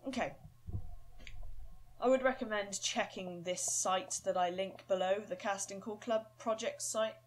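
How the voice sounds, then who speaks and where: A woman's voice: mid-range voice, steady tone, moderate pace, few pauses. A woman explaining audition instructions in a casual, chatty and self-deprecating way. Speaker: casting call director.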